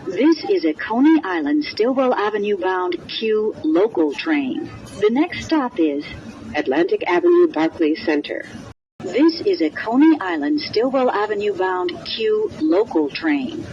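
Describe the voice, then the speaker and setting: A woman making formal, measured station announcements played over a train's intercom loudspeaker. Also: mid-range voice, very animated. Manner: measured, formal, clipped phrases. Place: inside a subway car. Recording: dull lo-fi train intercom with faint noise.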